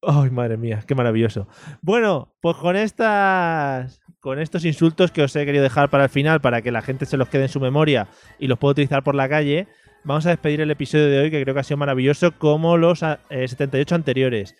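A man's voice: fairly high pitch, quick pace. A man hosting a chat podcast, steering the talk and laughing easily with his guests. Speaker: podcast host. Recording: dry close sound.

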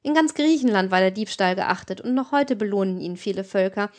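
A woman's voice: medium pitch, lively intonation, brisk, close to an everyday voice. A woman voicing a cynical, hard-hearted older female gang leader, lecturing with scorn. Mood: scornful.

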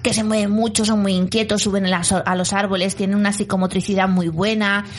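A woman's voice: mid-range voice, brisk. A woman in her thirties with a Spanish accent from Spain, co-hosting a casual podcast chat and acting out children's whines and noises as she explains. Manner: animated, acts out children's whines and sound effects. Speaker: podcast co-host and teacher.

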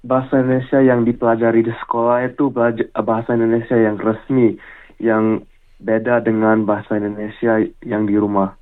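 A young man speaks over a dull telephone line. His pitch sits in a middle range. He gives polite, carefully rehearsed answers as a student being interviewed. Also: little pitch movement, brisk. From Australia. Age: late teens, young adult.

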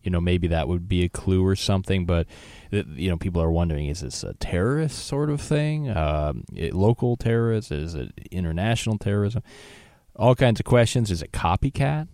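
A man with a very low voice talks through a news story with his co-host. He speaks loosely, full of ums and restarts, into a close mic with a dry sound. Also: lively intonation, brisk, mellow, no echo. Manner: conversational, many fillers and restarts. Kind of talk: casual news discussion.

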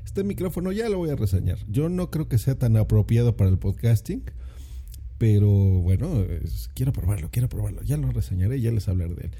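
A man's voice: lowish voice, lively intonation, brisk, warm tone, breathy edge. A man talking casually on his podcast into a condenser mic at home, explaining things in a chatty way with lots of "eh" and "¿no?". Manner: chatty, explanatory, frequent filler "eh" and "¿no?". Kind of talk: casual solo podcast talk. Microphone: condenser microphone.

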